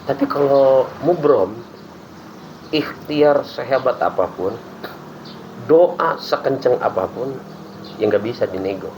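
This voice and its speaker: Indonesian man teaching in a relaxed chat. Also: mid-range voice, slow pace, pauses often, slight background noise, rough recording. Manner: lively explaining with acted-out prayers and laughs. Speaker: religious teacher. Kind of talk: casual podcast chat on Islamic teaching.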